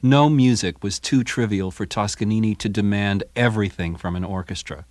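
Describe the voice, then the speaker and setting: A man's voice: on the low side, normal speed, a little mellow, no echo. Male music critic reading a review. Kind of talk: scripted radio review. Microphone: studio microphone.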